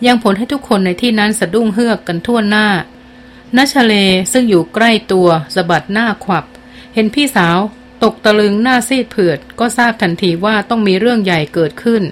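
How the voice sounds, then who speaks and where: A woman reading a novel aloud as an audiobook narrator, in a steady storytelling manner that slows down for dialogue. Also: medium pitch, a little hiss or hum.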